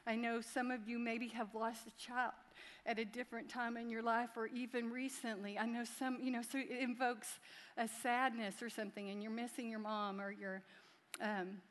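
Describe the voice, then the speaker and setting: A woman's voice: on the high side, little pitch movement, normal speed. A middle-aged woman, the pastor's wife, speaking to a congregation in a chatty, heartfelt way. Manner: chatty, warm, laughing, heartfelt. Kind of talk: church talk. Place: large church. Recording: long hall reverb.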